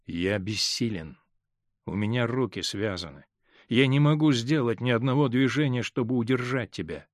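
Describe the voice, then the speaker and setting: A male reader voicing a hurt, stern middle-aged husband in an audiobook, speaking in a measured, grave way that holds back pain. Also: medium pitch, expressive, no room sound, clean studio sound, lightly acted. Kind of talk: audiobook character reading.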